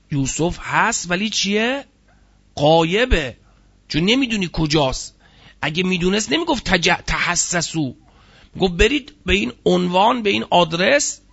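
Guy lecturing on quran words, sharp bright tone, kinda muffled lo-fi sound, asks lots of questions. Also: high-pitched, gravelly, breathy edge. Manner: explanatory, asks rhetorical questions, stresses key words. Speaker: Quran teacher. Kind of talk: religious lecture on Quranic word meanings.

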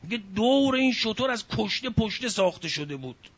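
A man preaches a sermon, telling a religious story with deep feeling, sighing and crying out between lines. His voice is high, animated, fairly bright and husky, captured on a dull lo-fi recording.

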